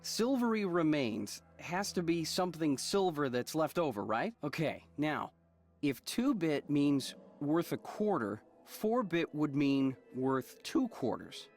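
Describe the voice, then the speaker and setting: Sex: man. Figure: a playful game eccentric who lives for riddles. Delivery: lively, swooping, teasing. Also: fairly high pitch, slow pace, faint music behind, heavily acted. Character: eccentric chatty man who loves riddles and dodges work.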